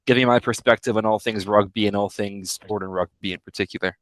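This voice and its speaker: A young man from Hong Kong speaks as a guest on a casual podcast, his voice sitting low. He goes on at length and corrects himself mid-sentence as he explains. The sound is dry, with no room around it. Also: fairly even intonation, fast talker, a bit bright, no echo, poor audio. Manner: expansive, talks at length with self-corrections. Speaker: guest, rugby player.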